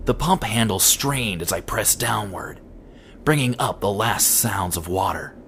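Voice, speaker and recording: An amateur male narrator reads scripted first-person horror fiction in a deliberate, dramatic and expressive way. His voice is fairly low but fairly bright in tone, and clear ambient noise runs behind the reading.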